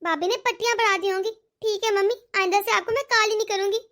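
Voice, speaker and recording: A woman's voice: very high voice, steady tone, fast talker, fairly bright tone. A woman voicing a self-pitying young married daughter in a cartoon, whining and complaining. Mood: whiny. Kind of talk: cartoon dialogue.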